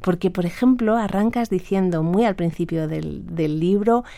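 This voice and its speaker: A woman radio host asks measured questions. Her voice is fairly low. The sound is dry and close. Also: vocal fry, mellow, no room sound. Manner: measured, cites the book's phrases. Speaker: radio interviewer. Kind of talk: radio interview, asking questions.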